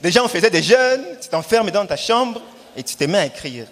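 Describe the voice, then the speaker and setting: High-voiced man doing punchy stand-up comedy. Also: big pitch swings, brisk, a bit bright. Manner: theatrical storytelling with acted-out dialogue and emphatic repetition. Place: live show in a hall. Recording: echoey hall, distant reverb, background noise.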